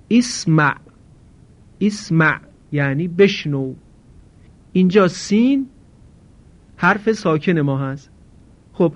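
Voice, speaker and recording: A man with a slightly high voice leads a grammar lesson at a slow, deliberate pace. He puts questions to his students and answers them himself. The recording is dull and lo-fi. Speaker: Arabic grammar teacher.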